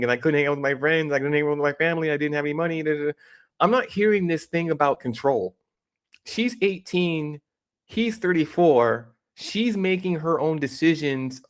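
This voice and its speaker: A man in his forties giving casual, opinionated reaction commentary on a video, rambling and joking as he goes. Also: a little high. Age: 40s.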